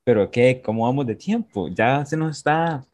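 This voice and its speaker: Un hombre joven con acento costarricense que comparte anécdotas con tono relajado y juguetón en una charla informal de podcast. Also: male voice, medium pitch, expressive, normal speed, a little mellow. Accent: Costa Rican. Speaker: podcast co-host. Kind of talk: casual chat among friends.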